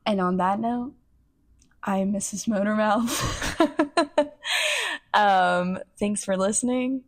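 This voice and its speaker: A woman's voice: medium pitch, takes it slowly. A young woman hosting a solo podcast, talking in a scattered, self-interrupting way, losing her train of thought and swearing casually. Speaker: podcast host. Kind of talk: rambling solo podcast monologue.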